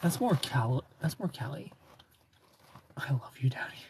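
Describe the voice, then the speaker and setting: A man in his thirties whispers in a mid-range, darkish, creaky voice, animated but unhurried. He sits in a car parked at night under neon lights, holding a phone close for a casual live stream. He chats playfully, reads viewers' comments and laughs often.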